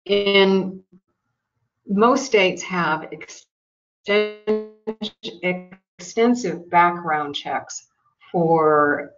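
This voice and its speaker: A woman's voice: fairly low pitch, highs cut off. A woman presenting on a web call, hesitant with many ums, her audio cutting in and out like a loose cable. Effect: sound cutting in and out like a loose cable. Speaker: webinar presenter. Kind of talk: reading a prepared presentation.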